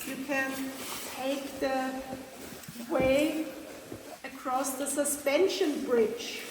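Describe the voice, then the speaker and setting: High-voiced woman guide in echoing cave. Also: fairly even intonation, very slow. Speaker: tour guide. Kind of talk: explanatory guided-tour talk. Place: inside a large ice cave. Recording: echoey cave, distant mic, noisy.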